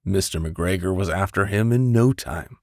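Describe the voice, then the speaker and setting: A man tells a bedtime story at normal speed, his voice sitting low with no echo around it. The delivery is expressive and theatrical, full of whispers and sound-effect voices, captured by a close studio condenser microphone.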